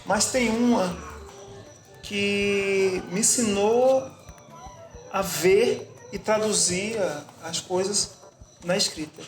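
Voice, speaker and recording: A man from Bahia with a Bahian accent, answering interview questions in a reflective, pausing way with frequent restarts. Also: high-pitched. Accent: Bahian Portuguese. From Bahia, Brazil. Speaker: interviewed artist and musician. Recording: echoey room with music behind.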